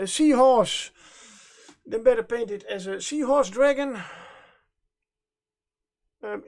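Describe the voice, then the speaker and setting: A native Dutch speaker from the Netherlands hosts a livestream, chatting casually as he paints miniatures, with a Dutch accent. His mid-range voice carries some vocal fry, and he rambles hesitantly, often correcting himself.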